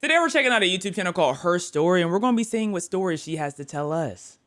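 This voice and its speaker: A man's voice: high-pitched, expressive, quick pace, a bit bright. A man chatting casually on a live stream, joking and rambling and sometimes stumbling over his words.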